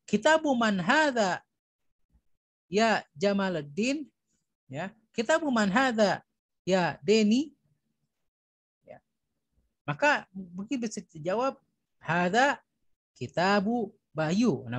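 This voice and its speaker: An Indonesian man teaching Arabic grammar, repeating each term and filling pauses with "ya" and "nah". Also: sits high, dry recording, rough recording. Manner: repeats terms, fills with "ya" and "nah". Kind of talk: recorded grammar lesson.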